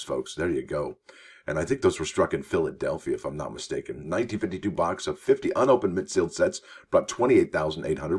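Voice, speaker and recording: A man's voice: rumbling low, husky. A man hosting a coin news show, reading articles aloud with chatty, enthusiastic asides to his viewers. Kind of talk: casual news commentary.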